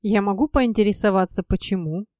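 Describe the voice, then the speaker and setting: A woman's voice: fairly quick, darkish tone, no room sound, studio quality, lightly acted. A woman doing a stern, furious aristocratic father. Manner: barking, harsh, lowered voice.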